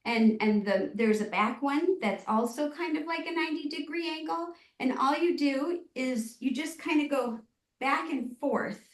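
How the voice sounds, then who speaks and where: Woman, fitness class host, gentle and easygoing stretch instruction, distant mic, strong room echo. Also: sits high, measured pace. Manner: gentle, encouraging, easygoing guidance. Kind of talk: casual guided stretching instruction. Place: indoor room, live online exercise session. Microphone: camera microphone at a distance. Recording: echoey room, distant microphone.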